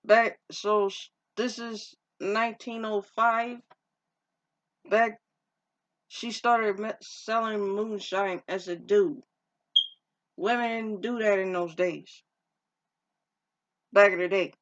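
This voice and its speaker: A woman's voice: medium pitch, fairly even intonation, slow, long pauses. A woman casually recapping a movie's plot in a rambling, informal way, often restarting her sentences and using slang. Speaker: movie reviewer. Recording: dull lo-fi recording.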